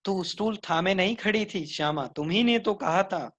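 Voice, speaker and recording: A man's voice: high voice, normal speed, fairly bright tone. A male teacher voicing a guilty young boy who whines defensively in a story reading. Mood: whiny. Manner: whining, defensive.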